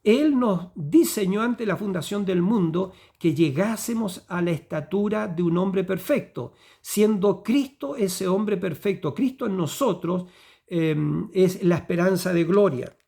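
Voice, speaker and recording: Male preacher, high voice, explains slowly, keeps asking the room if they follow. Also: gravelly, warm tone. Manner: teaching tone with frequent "¿ya?" and "¿cierto?" checks; fillers and repeated phrases while building a point. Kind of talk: sermon.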